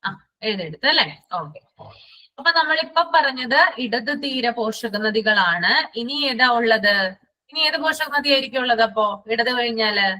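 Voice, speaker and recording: Bright-voiced woman teaching a class. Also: a little high, lively intonation, rough recording. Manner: repeats lists slowly for students to write down. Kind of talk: live online class.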